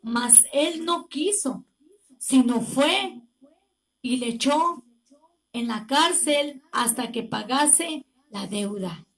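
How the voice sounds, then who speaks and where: A woman with a Mexican Spanish accent preaches a fervent sermon in a very high voice. She speaks slowly and deliberately, with emphatic pauses. She often breaks in with words of praise. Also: expressive, a bit bright.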